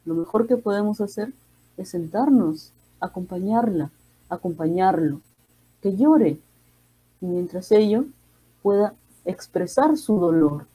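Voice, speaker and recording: A woman psychiatrist with a Peruvian accent giving a calm, reflective talk, speaking gently and slowly with pauses. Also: mid-range voice, husky, rough recording. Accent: Peruvian Spanish. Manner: gentle, slow, measured with pauses.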